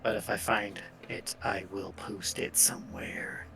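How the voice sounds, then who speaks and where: Man game master, gravelly voice, bright tone, relaxed chatty delivery. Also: very deep voice, a little slow, faint music behind. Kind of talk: running a tabletop game over voice chat.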